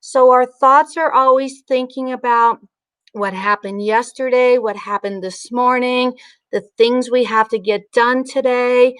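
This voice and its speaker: A woman teaching mindfulness and guided breathing in an informal, instructional way, leaving pauses between her phrases. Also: a little high, fairly even intonation, fairly bright tone, clean tone, no echo. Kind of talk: guided breathing meditation and informal spiritual talk.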